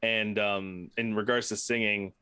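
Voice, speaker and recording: Male podcaster with a low voice, loose and rambling, swears a lot, recorded dry. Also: little pitch movement, unhurried, pushed and bright, clean tone, dry recording. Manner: rambling, swears freely, many restarts. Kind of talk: casual podcast chat.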